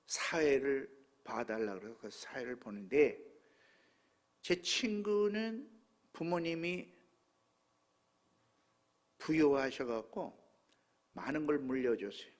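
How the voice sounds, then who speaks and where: A pastor in his seventies preaching a sermon, telling a personal story with emotion that swings from hushed tones to loud exclamations. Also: a little high, vocal fry. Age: 70s.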